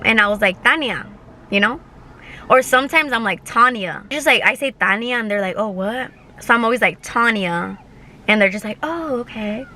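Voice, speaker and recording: Young woman, 20s, bright voice, casual mukbang chat, rambling with fillers, swearing, talking while eating in a parked car. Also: mid-range voice. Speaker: vlogger.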